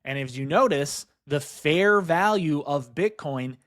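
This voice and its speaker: A man with a slightly high voice talks through crypto price charts in a rush of excitement. He keeps addressing his viewers as "guys" and tosses in "right?" between points, his energy bubbling over as he goes. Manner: excitable, fast-talking, says "guys" and "right?" a lot. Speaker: crypto investing YouTuber.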